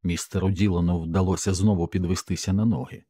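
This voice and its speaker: Deep dark-voiced male audiobook narrator. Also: fairly even intonation, husky, no room sound, clean studio sound. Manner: measured, somber storytelling.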